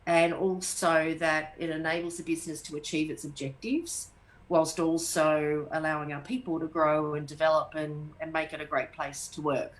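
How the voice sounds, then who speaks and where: A middle-aged Australian woman speaking in a somewhat low voice. She answers interview questions in a calm, explanatory way, working through her points one by one with frequent "um"s. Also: poor audio. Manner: measured, explanatory, lists points with fillers. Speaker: HR manager, interview guest.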